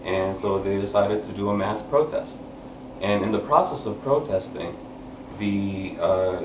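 At an open mic in a small indoor room, a man in his thirties sits on a couch and earnestly explains things to a small seated audience before reading a poem, gesturing and pausing often. His voice is on the low side, and the camera records from far away with no visible mic, picking up room echo and background noise.

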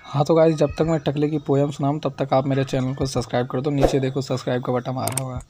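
A young man giving casual, excitable gameplay commentary, chatting in slang and scolding the game's baby character. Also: mid-range voice, quick pace, background noise. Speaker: gaming YouTuber.

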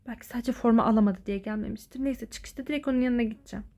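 A woman voicing a worried schoolgirl who fears for her friend, speaking anxiously and often in a hushed voice. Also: on the high side, very fast, pitched below the performer's own voice, natural voice.

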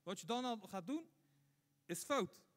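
High-voiced man preaching in reverberant mosque. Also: expressive, measured pace, fairly bright tone. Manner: rhetorical questions, emphatic repetition. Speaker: imam. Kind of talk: Friday sermon. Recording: long hall reverb.

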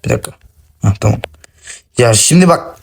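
A man giving excitable, cursing, self-mocking commentary while playing a shooter game on his phone. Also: mid-range voice, a little fast. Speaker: gaming channel host. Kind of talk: casual gameplay commentary.

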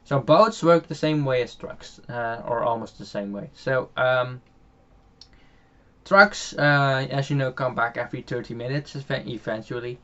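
A young man from the Netherlands, who runs a gaming channel, comments casually on a farming game in a Dutch accent, full of ums, uhs, restarted sentences, and frequent chuckles. He talks a little slowly in a sharp-toned, middling-pitched voice, and the home microphone sounds slightly muffled and dull.

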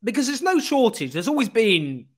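A man, hosting a political interview over a video call, animated and full of joking asides. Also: very high voice, moderate pace. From northern England. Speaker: host. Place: small room indoors. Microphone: studio mic on a boom arm.

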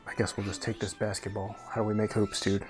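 A man's voice: lowish voice, completely flat delivery, quick pace. A man hosting a let's play, giving casual gameplay commentary in a laid-back, slangy way. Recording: game music faintly behind the voice.

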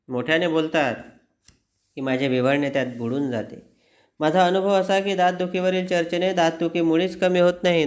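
A man giving an expressive, wry reading of a humorous essay, like a teacher reading a lesson text aloud. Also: a little high, smooth. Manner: wry, self-mocking storytelling.

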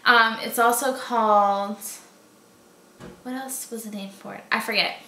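Bright-voiced young woman, light Boston accent. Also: on the high side, fairly even intonation, measured pace. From Boston area, United States. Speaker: vlogger reading out challenge questions. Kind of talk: casual chat. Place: small room at home, indoors. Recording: roomy home echo.

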